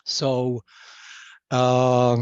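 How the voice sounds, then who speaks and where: A man's voice: medium pitch, completely flat delivery, extremely slow, smooth, no room sound. Man, 60s, Slovak accent, native Slovak speaker, interview guest, hesitant with fillers, dull lo-fi dry recording. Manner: hesitant, many fillers and restarts. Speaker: guest, author. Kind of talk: casual interview talk.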